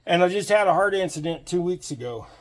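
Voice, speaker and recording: A man's voice: high-pitched, lively intonation, quick pace. A man giving casual, joking running commentary while he changes truck struts outdoors and talks to a helper. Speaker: DIY mechanic vlogger.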